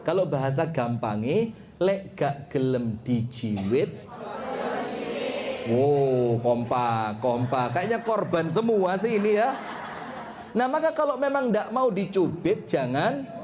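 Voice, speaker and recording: A middle-aged man with a Javanese accent giving a jokey, animated sermon to a congregation and putting questions to the audience. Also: fairly high pitch, slow, noisy background. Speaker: Islamic preacher. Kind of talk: lively sermon to a live congregation.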